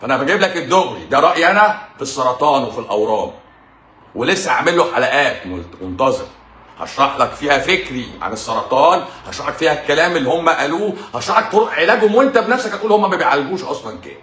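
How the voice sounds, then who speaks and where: A man's voice: fairly high pitch, very animated, racing, bright, forceful tone, echoey room. A man with an Egyptian Arabic accent, a doctor hosting a live stream in a casual monologue, mocking and combative, repeating his points for emphasis.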